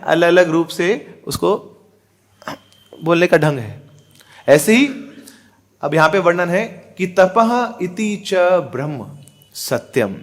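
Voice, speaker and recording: A man's voice: high voice, fairly bright tone. A middle-aged man giving a spiritual discourse, asking rhetorical questions, chanting verses and mixing in English words. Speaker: spiritual teacher. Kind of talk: Hindi religious discourse.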